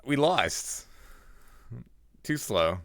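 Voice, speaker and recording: Animated male streamer on a dry headset mic. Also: mid-range voice, drawn-out words, no echo. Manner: chatty, reacts aloud while playing, talks to chat. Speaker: livestreamer and card game player. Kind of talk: live gameplay commentary.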